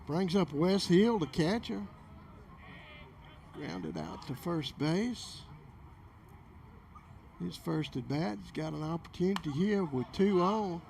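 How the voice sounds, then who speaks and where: A man's voice: high voice, slow pace, vocal fry, pauses often, a little mellow, a little hiss or hum. A man giving play-by-play baseball commentary for local television from an outdoor game.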